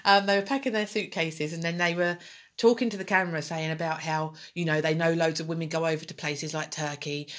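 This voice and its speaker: A woman's voice: low-pitched, fairly even intonation, a little fast. A woman co-hosting a podcast, telling a story in a chatty, emphatic way. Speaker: podcast co-host. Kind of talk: casual chat.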